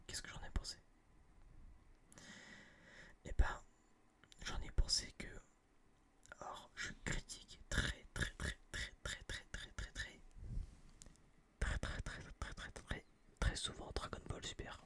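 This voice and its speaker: An ASMR video creator whispers close to a binaural mic, giving a loose, rambling film review full of slang, hesitations, and repeated words.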